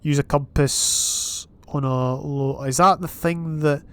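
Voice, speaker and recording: Clean recording of a young man from Scotland, his fairly high voice slow, a bit bright, and fairly even in intonation. A gaming YouTuber, he casually commentates his Minecraft let's play, chatting, thinking aloud, and reading out advancements.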